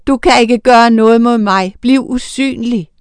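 A woman's voice: fairly high pitch, clear, resonant tone, dry recording, lightly acted. A woman as a sneering haughty witch.

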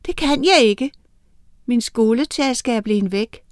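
An eager young schoolgirl from a storybook, quick to point things out , as a woman narrator reads her lines. The voice is fairly high and recorded dry and close. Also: no echo, lightly acted.

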